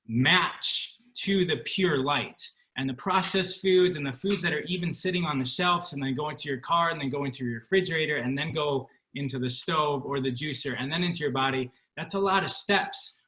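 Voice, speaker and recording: A man's voice: fairly high pitch, sharp tone, poor audio. A man speaking earnestly and a bit preachily on a video call. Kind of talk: casual Zoom talk.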